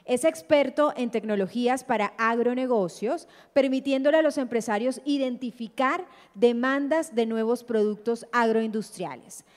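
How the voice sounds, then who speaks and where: Heard through the long reverb of a hall, a woman moderates a conference. Her voice sits a little high as she makes formal announcements and introductions. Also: normal speed, few pauses.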